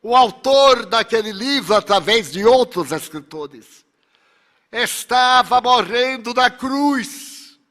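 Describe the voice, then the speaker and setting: A man voicing a grieving woman survivor who forgives her tormentor, speaking slowly and solemnly. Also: very high-pitched, lively intonation, fairly bright tone, voice pushed up, full character voice.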